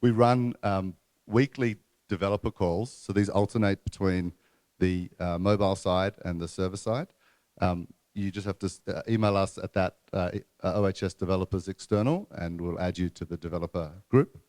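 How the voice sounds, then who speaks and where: A man's voice: low voice, moderate pace, a little mellow, no room sound. A man hosting a conference session, making announcements and introducing speakers in a loose style full of fillers. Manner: loose, filler-heavy speech. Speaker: event host. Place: conference room before an audience.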